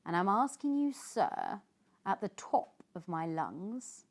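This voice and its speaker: A woman with a British accent voicing a small, oldish, bossy forest creature from a storybook, sharp and loudly declaiming. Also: mid-range voice, sing-song, slow pace. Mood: bossy, pleading.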